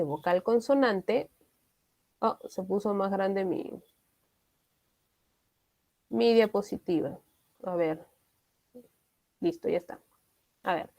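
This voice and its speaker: A woman's voice: mid-range voice, a little mellow. A woman, teaching an online English class. She explains step by step and often checks in with her students.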